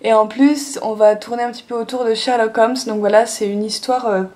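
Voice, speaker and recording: Chatty young woman, warm voice. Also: on the high side. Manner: chatty, many fillers and "donc voilà". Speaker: manga vlogger. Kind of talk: casual manga haul video. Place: sunny room at home.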